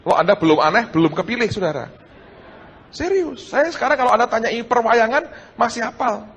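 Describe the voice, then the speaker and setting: A middle-aged man, preaching a sermon and telling his own story, swinging between hushed and loud. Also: very high-pitched, brisk, breathy edge. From Indonesia. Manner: animated, shifts between hushed and loud, addresses audience as saudara. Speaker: pastor. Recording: large hall with long reverb and faint noise.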